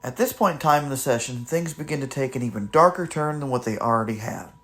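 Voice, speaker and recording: A man hosting a spirit box session, commenting to viewers in deliberate, halting phrases with pauses. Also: medium pitch, lively intonation, fairly bright tone. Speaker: paranormal investigator and host.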